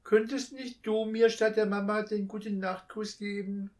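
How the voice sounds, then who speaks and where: Man voicing a lonely little kid in a read-aloud story: high, pleading, tearful. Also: level tone, moderate pace, darkish tone, lightly acted. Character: small frightened child, boy or girl.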